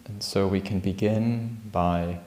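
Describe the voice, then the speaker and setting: Guiding a meditation indoors at a Buddhist monastery, a male teacher with a deep voice gives calm, gentle instructions. His delivery stays even and unhurried, with generous pauses between phrases, and the audio is roomy and echoing.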